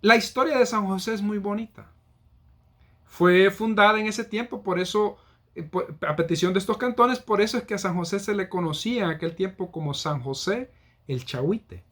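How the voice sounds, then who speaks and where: A man's voice: high-pitched, moderate pace, a bit bright. A man from El Salvador, explaining things in a casual, teacherly way with examples and frequent hesitations. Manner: teacherly, walks through examples, frequent "eh" fillers. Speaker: local history presenter.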